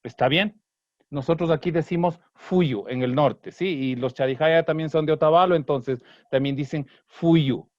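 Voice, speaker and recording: A man teaching an online Kichwa language class, patiently breaking down song lyrics and slowly repeating words. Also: on the high side, darkish tone, dry recording. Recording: dry, slightly dull online class audio.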